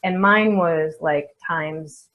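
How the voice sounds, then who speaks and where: Slow, reflective low-voiced woman. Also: narrow, tinny audio. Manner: unhurried, reflective, many soft fillers. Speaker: feng shui expert and coach. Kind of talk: conversational interview answers.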